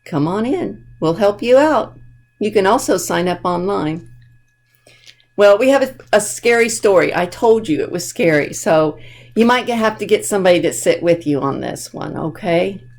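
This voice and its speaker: At normal speed, a children's librarian with an expressive, mid-range, slightly mellow voice gives an animated storytime reading. Along the way she addresses her young listeners directly in asides.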